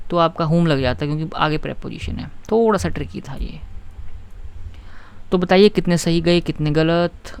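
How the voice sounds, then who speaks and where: A man teaching English grammar in an online lesson, explaining step by step and reading example sentences out slowly. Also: a little high, gravelly, smooth.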